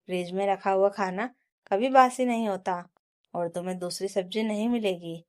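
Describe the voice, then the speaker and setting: A woman's voice: mid-range voice, normal speed, natural voice. A woman voicing a taunting, bossy mother-in-law. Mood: angry. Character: stern scheming middle-aged mother-in-law.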